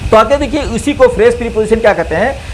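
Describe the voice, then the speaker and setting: A man giving a recorded grammar lesson as a teacher, who speaks slowly, repeats key terms, and asks and answers his own questions. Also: very high voice, lively intonation, slight background noise, poor audio. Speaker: English teacher.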